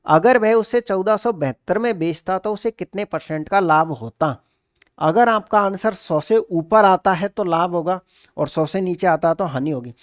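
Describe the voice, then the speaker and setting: A male maths teacher with a Rajasthani Hindi accent explains exam problems step by step, asking and answering his own questions. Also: high voice. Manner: asks and answers his own questions, addressing students as sir. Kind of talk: exam-prep maths lesson.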